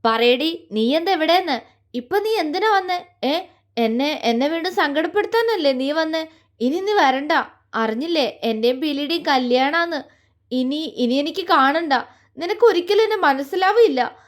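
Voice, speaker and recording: A heartbroken young man, drunk and tearful, stammers out his reproaches in a high, light voice, as a woman storyteller puts him on. He repeats words and pleads as he speaks in this romantic audio story. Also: lively intonation, moderate pace.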